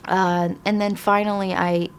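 A woman from Iraq, an immigration attorney, answering interview questions thoughtfully with frequent pauses and restarts. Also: mid-range voice, level tone, a little hiss or hum.

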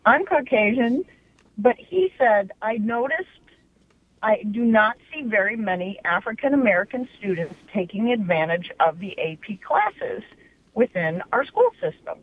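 A woman's voice: a little high, sing-song, a little slow, no room sound. A woman in her forties calling in to a talk radio show over the phone, earnestly asking a question. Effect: phone line call-in. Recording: tinny phone line.

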